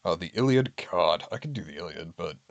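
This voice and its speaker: He has a low voice with vocal fry, speaking briskly and animatedly in a dry recording. A man on a home stream, he chats casually and wryly with viewers, candidly reading list items aloud and commenting.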